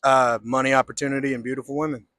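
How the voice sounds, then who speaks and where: A man's voice: mid-range voice, level tone, fast talker, fairly bright tone, dry recording, clean studio sound. A man from Texas with a Southern accent, chatting casually in a street interview in a folksy, hesitant way. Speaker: interviewee, construction laborer.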